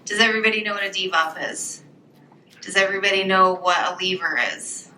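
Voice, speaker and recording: Very bright, sharp-voiced woman presenter. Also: mid-range voice, steady tone, a little fast, a little hiss or hum. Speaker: workforce agency presenter. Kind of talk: informal conference presentation. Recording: echoey room with background ambience.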